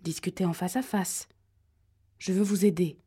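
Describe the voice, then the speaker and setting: A woman's voice: fairly low pitch, fairly even intonation, moderate pace, dark tone, husky. A woman voicing a tense female investigator who speaks steadily and insistently on the phone in an audiobook. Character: tense female investigator, calm but pressing.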